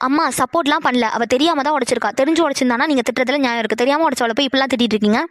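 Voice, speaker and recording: A woman's voice: high voice, racing. A woman voicing sisters in a cartoon, pleading and protective. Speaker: voice artist for sisters. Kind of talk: cartoon dialogue.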